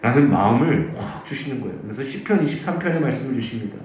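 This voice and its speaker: A man's voice: medium pitch, expressive, fast, darkish tone, slight background noise. A male pastor preaching at a dawn service, telling his own story and acting out the voices he quotes. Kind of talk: sermon with personal testimony. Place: church sanctuary. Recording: very echoey church hall.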